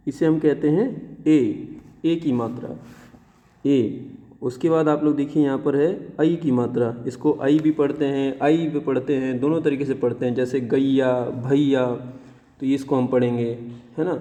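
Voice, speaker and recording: A man teaching young children the Hindi vowels and their signs, saying each sound slowly and repeating it. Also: medium pitch, mellow, big-room sound. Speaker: primary school teacher. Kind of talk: classroom lesson on Hindi vowels.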